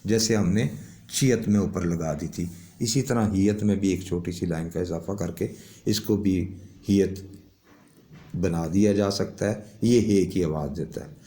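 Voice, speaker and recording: ایک مرد استاد جو کلاس میں صبر سے حروف کی آوازیں سمجھاتا ہے اور بار بار "ٹھیک ہے" پوچھتا ہے۔. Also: male voice, deep voice, dark tone. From Pakistan. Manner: explains patiently with many check-ins. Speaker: language teacher. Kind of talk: classroom lesson explaining an alphabet.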